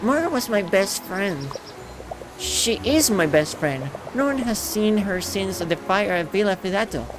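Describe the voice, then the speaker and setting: A man's voice: high-pitched, expressive, unhurried, pitched above the performer's own voice. Man doing a wistful teenage poet girl, music behind. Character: teenage girl, wistful poet missing her best friend.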